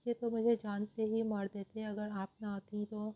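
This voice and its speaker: A vengeful, scheming young maid in a romance audiobook, read by a woman, speaking in a flat, level way. The tone is dark and soft. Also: mid-range voice, natural voice. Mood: pleading. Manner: taunting, then tearfully pleading.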